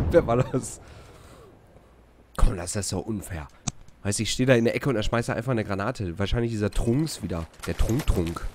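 A man streaming a shooter game live, chatting loudly with teammates and complaining about opponents through a headset. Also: on the low side, wildly swooping pitch, normal speed, pauses often. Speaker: livestream gamer. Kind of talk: excited live gameplay chat. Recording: noisy stream with game gunfire behind.

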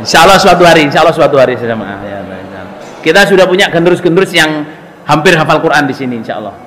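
A man's voice: on the high side, fast talker, slight background noise. Javanese-accented man preaching in a mosque hall. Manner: lively and joking with the congregation. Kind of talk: storytelling sermon. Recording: echoey hall reverb.

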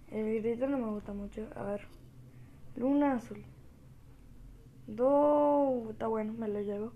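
Woman gamer, Rioplatense accent, low-volume jokey play-by-play, slow delivery. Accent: Rioplatense Spanish. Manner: talks quietly, joking and reacting to the game. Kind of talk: gameplay commentary.

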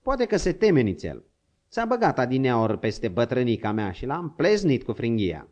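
A gruff, crafty old frontier hunter grumbles and coaxes in a lively, swooping voice, as a man puts him on. The audiobook recording sounds dull and lo-fi. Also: medium pitch, close to an everyday voice. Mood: sly. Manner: grumbling, scolding, coaxing.

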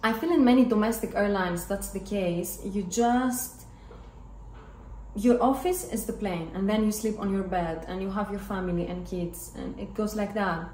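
This vlogger, once a flight attendant, is a Greek woman in her twenties whose native language is Greek, and her accent shows it. She shares a relaxed personal anecdote on camera in a dark, mid-range voice at ordinary speed. The room is her hard-floored living and dining area, so the recording carries a roomy echo and distinct background noise.

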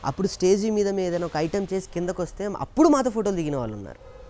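A man's voice: high voice, rapid-fire, a little hiss or hum. A man being interviewed about his career as a mimicry artist, telling stories earnestly and acting out the voices of the people he quotes. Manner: earnest, animated storytelling that acts out quoted voices. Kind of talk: casual interview talk.

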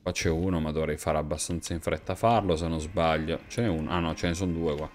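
Very low-voiced man swearing through a game. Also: fast. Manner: slangy, crude, swearing, jokey. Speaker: streamer playing a video game. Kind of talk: casual gameplay commentary. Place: small room at home, webcam stream. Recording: clear steady background noise.

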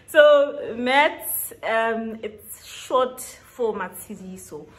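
A woman in her late twenties from South Africa chats to camera in a casual get-to-know-me YouTube vlog, set in a small room with shelves. Her fairly high voice is animated but extremely slow. She laughs often and stretches words for emphasis.

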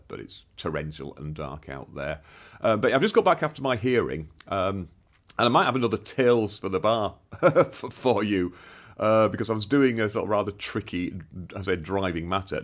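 Field: Talk. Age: adult. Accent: British. Trait: very deep, rambling casual vlog. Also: male voice. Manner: rambling, chatty, with frequent ums and self-mocking asides. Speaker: barrister. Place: indoors.

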